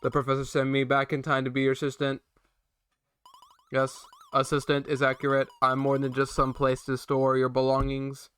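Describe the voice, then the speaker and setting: A man's voice: mid-range voice, completely flat delivery, normal speed, fairly bright tone, smooth, lightly acted. A man voicing a talking suitcase assistant in a game, reading in a stiff, formal way with small stumbles.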